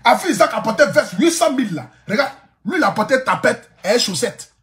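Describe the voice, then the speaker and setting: A man's voice: very high-pitched, sing-song, a little fast, a bit bright, reverberant. A man telling a comic vlog story, boisterous, laughing often and repeating his phrases. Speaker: social media influencer. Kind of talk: casual comic vlog monologue.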